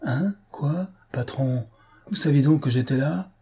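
A man voicing a rough, simple police sergeant in a storybook reading, complaining about the cold and shrugging off his boss's fury. The voice is husky and dark. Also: on the low side, a little slow. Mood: bewildered.

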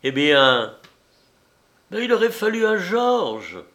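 A man's voice: sits high, sing-song, slow pace, fairly bright tone, pitched above the performer's own voice, exaggerated voice. A man reading the lines of a passionate, seductive married woman who is torn between duty and desire, in a raised, impassioned voice. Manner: impassioned, pleading.

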